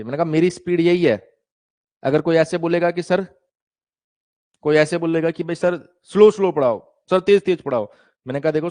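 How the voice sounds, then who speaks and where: A man's voice: fairly high pitch, darkish tone. A man teaching physics in a live online class, chatty and teasing, often acting out students and newsreaders.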